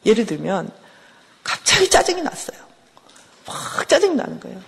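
A woman's voice: fairly high pitch, big pitch swings, normal speed, vocal fry, slightly rough, in a large hall. A middle-aged woman professor giving a conversational counseling lecture, often asking her listeners questions. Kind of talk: classroom lecture.

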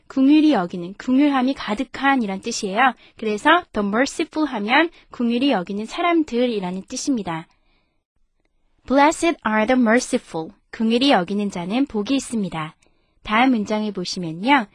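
A woman's voice: on the high side, no echo, clean studio sound. Woman teaching English from Bible verses. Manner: slow, careful bilingual reading, then friendly explaining. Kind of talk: Bible story narration and English lesson.

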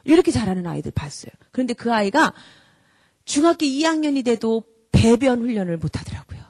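A woman lectures parents in an earnest, emphatic way, and she acts out scolding parents as she goes. Her voice sits fairly high. The sound is dry, with no room echo. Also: sing-song, brisk, darkish tone. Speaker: parenting educator and head of a character school.

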